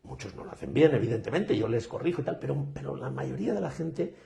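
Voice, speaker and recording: Man, speaking coach, lively storyteller, dark gravelly voice, video call. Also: medium pitch, fast talker. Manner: animated storyteller, acts out quoted students. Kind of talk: interview answers.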